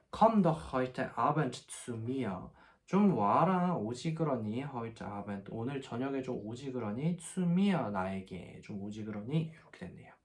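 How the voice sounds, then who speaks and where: A man teaching a language lesson from a textbook, patiently explaining step by step and slowing down to spell out example phrases. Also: mid-range voice, darkish tone.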